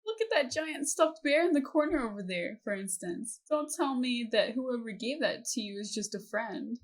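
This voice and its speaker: A woman's voice: a little high, expressive, normal speed, pitched above the performer's own voice. A woman reading aloud as a playful, prying aunt who teases her niece about boys, in an affectionate, nosy manner. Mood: teasing. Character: teasing, nosy adult aunt.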